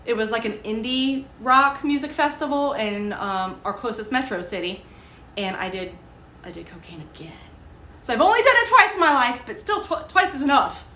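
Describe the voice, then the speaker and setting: Bright, chatty young woman in an echoey room. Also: a little high, a little hiss or hum. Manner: chatty and candid, laughing at her past. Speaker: ministry host sharing her testimony. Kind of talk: casual personal testimony. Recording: echoey room with faint ambience.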